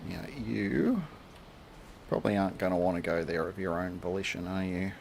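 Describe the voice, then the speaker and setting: A man's voice: deep voice, moderate pace, gravelly, a little mellow, slight background noise. An Australian man giving casual, rambling commentary as he plays a game, thinking aloud and chatting to the animals on screen. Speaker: game streamer.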